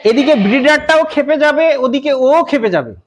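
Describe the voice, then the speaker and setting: A goat farmer from West Bengal explaining breeding to an interviewer, often checking that the listener follows. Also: male voice, very high-pitched, animated, moderate pace. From West Bengal, India. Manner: repeats "কিন্তু" and "বুঝতে পেরেছেন?" often. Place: goat farm, outdoors.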